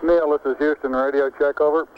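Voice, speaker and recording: A man's voice: fairly high pitch, flat delivery, fairly quick. Mission-control radio man, clipped formal callouts, static bursts on a muffled lo-fi archival channel. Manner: clipped, formal call-and-response. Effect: radio transmission with static bursts. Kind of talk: terse radio procedure talk.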